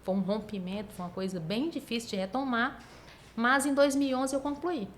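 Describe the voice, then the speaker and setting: A woman nurse, telling her career story in an interview in a calm, smooth, measured way. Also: a little high, a little hiss or hum. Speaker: stomatherapy nurse guest.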